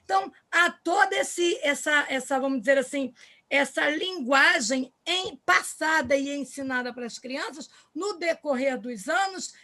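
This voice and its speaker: A woman's voice: high voice, bright, forceful tone. A woman with a Brazilian Portuguese accent, speaking as a panelist on a video call. She is hesitant and repeats words while searching for how to put things. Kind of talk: explanatory talk in an online panel.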